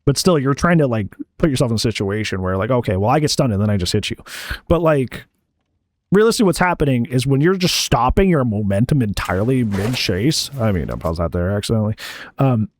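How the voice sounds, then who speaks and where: A man's voice: mid-range voice, expressive, fairly quick, no echo, clean studio sound. A man giving blunt, sarcastic, chatty commentary as he reviews a player's match from home.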